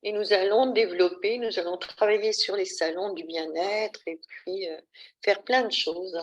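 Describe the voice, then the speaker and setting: Casting: woman, medium-pitched voice, casual meeting participant. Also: fairly even intonation, normal speed, dull audio. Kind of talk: casual chat.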